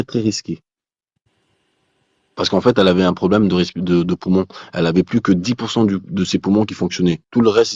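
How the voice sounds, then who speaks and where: A man telling a personal testimony as a guest, in casual spoken storytelling, animated, with many restarts, acting out the dialogue he quotes. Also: low-pitched, slightly rough, no echo, lo-fi sound.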